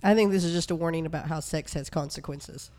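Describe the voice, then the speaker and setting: A woman co-hosting a podcast in casual banter, self-deprecating and joking, with a rough, gravelly voice as she recovers from a cold. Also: low voice, fast, darkish tone. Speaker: podcast co-host.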